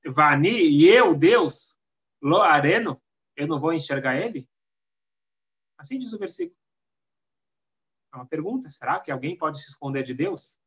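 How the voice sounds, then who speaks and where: Brazilian man, religious teacher, somewhat high-pitched, emphatic storyteller, muffled low-fi recording. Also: lively intonation, fairly bright tone. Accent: Brazilian Portuguese. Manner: emphatic storyteller, frequent restarts and pauses. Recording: dull lo-fi recording.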